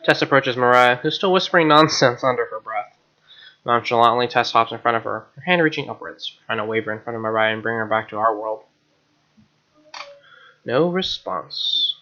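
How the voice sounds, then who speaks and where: A man's voice: medium pitch, normal speed, pushed and bright, lo-fi sound. A man playing a visual novel, reading its narration aloud with wry, joking asides. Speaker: let's player.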